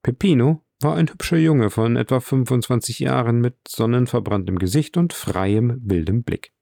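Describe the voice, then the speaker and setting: Guy reading an old novel, low gravelly voice, dry close mic. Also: mellow, no room sound. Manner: measured literary reading. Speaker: audiobook narrator. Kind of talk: scripted narration.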